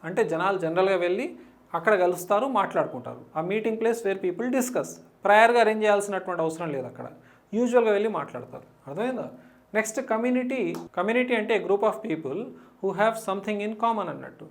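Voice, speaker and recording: Female English teacher with a Telugu accent, mid-pitched voice, exam-prep lesson, reads the questions slowly. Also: expressive.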